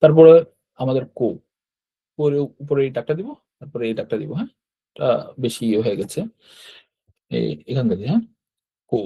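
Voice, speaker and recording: A man teaching an online lesson on writing characters step by step. He talks patiently, repeats each stroke, and often checks in with a quick "yes". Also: mid-range voice, sing-song, gravelly, mellow, husky. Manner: patient, repeats steps, frequent "hyaan" checks. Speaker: Japanese language teacher. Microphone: computer mic while drawing with a mouse.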